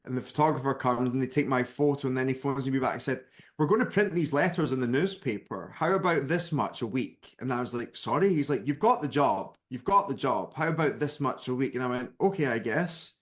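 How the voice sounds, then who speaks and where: Speaking briskly at a medium pitch, this thirtysomething man from Scotland is a spiritual author sharing a personal story as a guest. He narrates with energy, performing the voices of the people involved.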